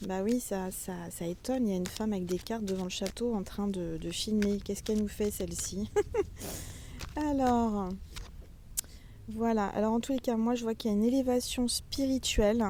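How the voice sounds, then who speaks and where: A woman's voice: medium pitch, normal speed, warm tone, slight background noise. A woman giving a casual, chatty tarot reading outdoors in front of a castle, talking straight to her viewers. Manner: chatty, addresses viewers as little stars. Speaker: tarot reader.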